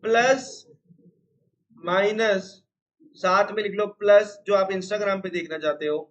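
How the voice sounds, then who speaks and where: A man's voice: high voice, fairly even intonation, takes it slowly, fairly bright tone. A man teaching a live accounts class online, repeatedly calling on students to listen, teasing and scolding them as he goes. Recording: slightly dull lo-fi sound.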